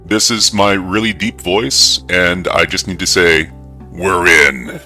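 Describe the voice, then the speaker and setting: A man speaking through a voice changer that morphs his voice much deeper, slowly hamming it up like a masked hero on a hacking livestream. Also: steady tone, sharp tone, faint music behind, full character voice. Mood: mock heroic. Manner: slow, deliberate, hamming it up like a superhero.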